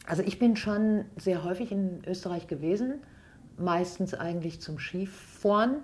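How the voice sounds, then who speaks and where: A woman with a fairly low voice hosts a relaxed podcast conversation at a guest's home. She is chatty and curious and keeps the talk moving with quick questions. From Hesse. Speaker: podcast host. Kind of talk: casual interview.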